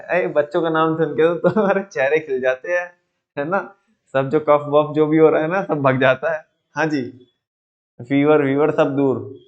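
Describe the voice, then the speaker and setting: A male teacher leads an online lecture in a playful, teasing way, constantly quizzing his students. His voice sits somewhat high, and the recording sounds dull and lo-fi.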